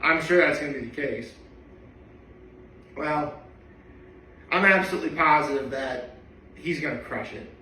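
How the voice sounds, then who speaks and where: A young tenor vlogger with a bright, forceful voice on the high side rambles chattily through a casual daily reaction monologue full of asides. His mic is a bit far off in a roomy space, and there's a little hiss or hum.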